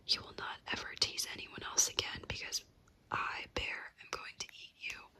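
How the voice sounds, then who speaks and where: A woman voicing a big, angry male bear in a whispered bedtime story. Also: moderate pace. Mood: menacing. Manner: soft unvoiced whisper.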